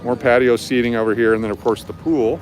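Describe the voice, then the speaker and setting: At a quick pace and with fairly even intonation, a man with a medium-pitched voice hosts a live street tour. It's nighttime in the city, traffic is loud, and he keeps his explanations casual and informal.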